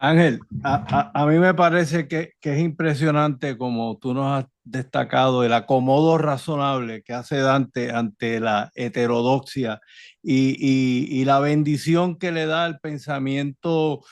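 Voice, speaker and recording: A man's voice: medium pitch, fairly even intonation, a little slow, no echo. A man on a video call who asks a long, careful question in a seminar, hesitating often and adding tag questions. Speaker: student asking a question.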